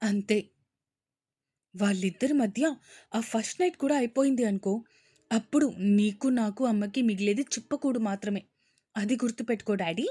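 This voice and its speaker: A woman voicing a spoiled, scheming young woman who rants loudly on the phone at her father. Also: on the high side, normal speed, pauses often, breathy edge, dry recording. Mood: scheming, insistent. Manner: loud, angry ranting.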